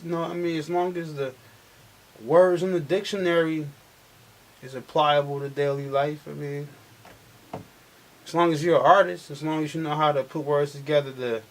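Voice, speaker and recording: A young adult man from Milwaukee, a rapper being interviewed, who talks loosely with slang and frequent restarts. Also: a little high. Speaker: rapper guest. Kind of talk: casual interview chat. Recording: faint background noise.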